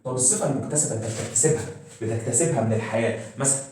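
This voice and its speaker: A man's voice: mid-range voice, rapid-fire, mellow, a little hiss or hum. A man with an Egyptian accent teaching a school science lesson. He keeps asking questions, answers them himself and repeats the key words. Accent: Egyptian Arabic. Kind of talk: classroom-style lesson. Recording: very echoey room, mic set far off.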